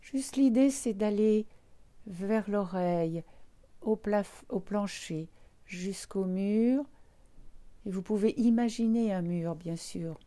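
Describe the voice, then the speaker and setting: Slow, soft-toned woman guiding relaxation. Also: mid-range voice. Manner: calm, unhurried, gently instructive with frequent pauses. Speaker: instructor of a guided eye-relaxation exercise. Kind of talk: guided relaxation lesson, speaking directly to listeners.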